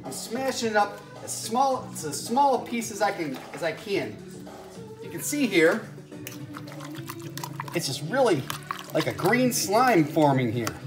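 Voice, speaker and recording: A man's voice: sits high, sing-song, a little slow, long pauses, music in the background. A middle-aged man hosting a homemade cooking show in his kitchen, explaining each step in a folksy way while he stirs. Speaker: home cooking show host. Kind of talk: casual cooking demonstration. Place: home kitchen indoors.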